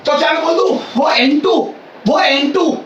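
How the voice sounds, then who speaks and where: A man teaching physics to a room of students, his high, bright voice pushed to near-shouting as he drills each point over and over. He is recorded from a distance in an echoey classroom, with a faint hiss behind him. He keeps checking that the class is following along. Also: a little slow, dull audio. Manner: loud, near-shouting delivery, repeats phrases and quizzes students. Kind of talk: classroom lecture.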